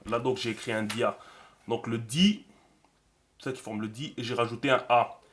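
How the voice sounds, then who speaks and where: A man explaining a writing system in a relaxed screen tutorial, thinking aloud with many fillers. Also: medium pitch, normal speed, a little hiss or hum. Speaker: teacher.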